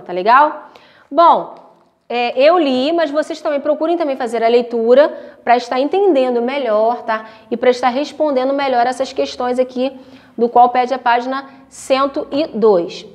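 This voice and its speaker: A Brazilian woman teaching a primary school class, talking to the children in affectionate diminutives and often checking with "tá?" and "né?". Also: high-pitched. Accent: Brazilian Portuguese. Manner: frequent checks of tá and né; uneven pace, stretches words when dictating. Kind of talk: recorded remote class lesson.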